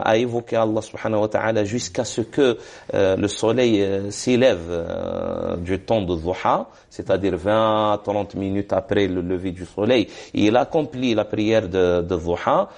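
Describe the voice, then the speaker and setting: A man with a lowish, gravelly, slightly mellow voice gives religious advice on TV. As a scholar answering questions in the studio, he speaks hesitantly, filling pauses often and reciting Arabic formulas.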